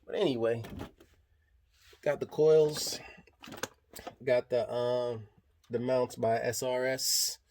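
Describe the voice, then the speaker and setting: A man's voice: mid-range voice, fairly even intonation, slow pace, pauses often, a little mellow, a little hiss or hum. A man talking casually through his engine build in a garage vlog, rambling loosely with lots of fillers. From New York. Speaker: hobby mechanic vlogger.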